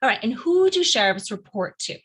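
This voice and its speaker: Bright-voiced woman giving a video-call talk. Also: a little high, sing-song, a little fast, breathy edge. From Argentina. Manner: upbeat and conversational, frequent "um"s. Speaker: guest speaker, advocacy field director. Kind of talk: informal presentation on a video call.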